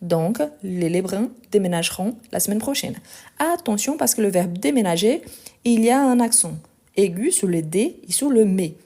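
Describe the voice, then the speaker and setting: A woman's voice: mid-range voice, animated, moderate pace, warm tone. A woman teaching French grammar in a live online lesson recorded on her phone, spelling out letters and patiently thanking viewers.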